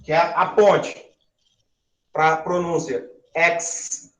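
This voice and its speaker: A man's voice: fairly high pitch, fairly even intonation, very slow. A male chemistry teacher, giving a classroom lecture, asking the class questions and spelling out syllables as he counts aloud. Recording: roomy, dull-sounding classroom recording.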